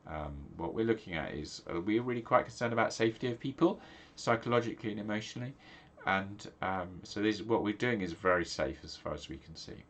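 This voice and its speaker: Animated and a little fast, this fairly low, slightly bright voice hardly pauses at all. The speaker, a middle-aged pastor from England, talks casually to camera with a stuffy nose, rambling through ums and restarts.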